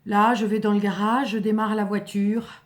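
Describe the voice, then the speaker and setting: A woman's voice: mid-range voice, level tone, normal speed. A woman reads a first-person literary story as a dramatic narrator, in a solemn, earnest manner.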